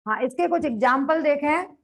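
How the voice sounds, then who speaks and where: A woman teacher giving a grammar lecture, dictating notes slowly and repeating phrases, asking the class questions and answering them herself. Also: high-pitched, lively intonation. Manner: slow, repeats phrases for note-taking.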